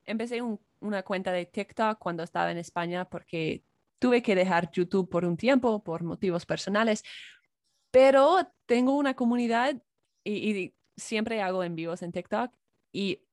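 A woman's voice: mid-range voice, moderate pace, darkish tone, dry recording, clean studio sound. A woman, a native English speaker, in casual chat, mixing Spanish and English in Spanglish. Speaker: content creator.

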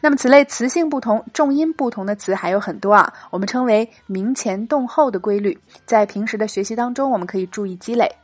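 A woman hosts a scripted English lesson, reading short dialogues and explaining phrases in Mandarin. Her voice sits fairly high. It is recorded close and dry, with no room sound. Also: brisk, hardly any pauses, slightly rough, no room sound. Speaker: English teacher, host.

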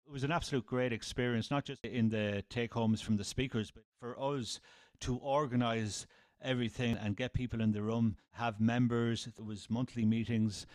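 Middle-aged Irish podcast host, dry sound. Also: male voice, mid-range voice, steady tone, moderate pace, a little mellow, no echo. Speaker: podcast host, sales trainer. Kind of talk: conversational podcast hosting.

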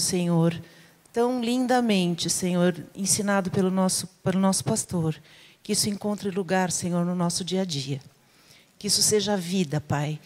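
A woman's voice: medium pitch, darkish tone, long reverb tail. A woman from the congregation leading an earnest, reverent closing prayer. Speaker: congregation member. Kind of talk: spoken prayer. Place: church sanctuary.

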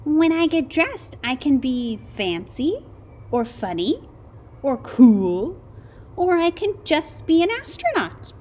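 A woman voicing a cheerful young male naked mole rat who loves getting dressed, in a storybook reading, bright and earnest. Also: high voice, very animated, slow, a little hiss or hum, pitched above the performer's own voice, exaggerated voice. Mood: eager.

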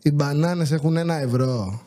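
A man's voice: high-pitched, fairly even intonation, darkish tone, clear, resonant tone, close to an everyday voice. A man doing a haughty, smug shopper. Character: haughty arrogant male shopper, adult.

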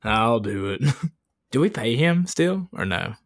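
A man with a middle-pitched voice co-hosts a podcast. He talks in loose, slangy banter and swears freely. His delivery is jokey and informal. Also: sing-song, slow. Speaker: podcast co-host. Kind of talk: casual, profane banter.

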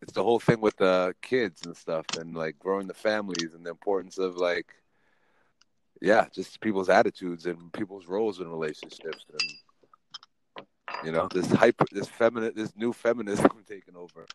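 A man's voice: deep voice, normal speed, background noise. A man in his forties hosting a casual podcast chat, laid-back and teasing, laughing often. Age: 40s.

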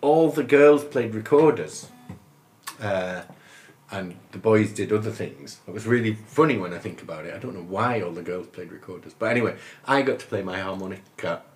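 A man in his fifties from northern England, a musician chatting as a guest in a relaxed, rambling, good-humoured way, often laughing as he talks. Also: on the low side, normal speed. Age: 50s. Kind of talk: casual interview chat.

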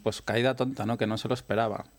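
A man's voice: medium pitch, steady tone, fast. Man leading a casual podcast chat. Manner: conversational, leads the segments. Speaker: podcast host.

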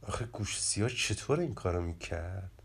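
A man voicing an eager young rabbit child in a children's storybook, in a lively reading voice. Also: mid-range voice, close to an everyday voice. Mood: frustrated.

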